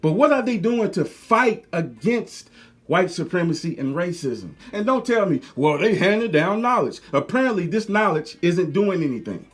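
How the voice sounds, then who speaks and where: A man's voice: high-pitched, sing-song, moderate pace. A man ranting heatedly to his viewers, profane, preachy and repetitive. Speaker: video commentator. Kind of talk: angry rant to camera.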